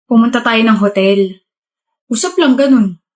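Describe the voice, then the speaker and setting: Casting: babae bilang mapilit at manipulatibong batang boyfriend, utos nang utos, medyo mataas ang boses. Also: female voice, a little high, a little slow, close to an everyday voice. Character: pushy, manipulative young male boyfriend. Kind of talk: skit role-play.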